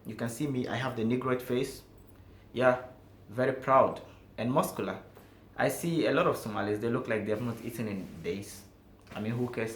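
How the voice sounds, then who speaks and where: A man from Ghana with a Ghanaian accent, speaking emphatically and directly to viewers in a talking-to-camera vlog. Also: mid-range voice. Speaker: vlogger. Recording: echoey room with faint background noise.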